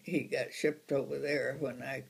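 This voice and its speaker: A very old woman of ninety-one reminisces casually in a halting, unhurried way, as someone being interviewed. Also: rumbling low, little pitch movement, vocal fry, breathy edge.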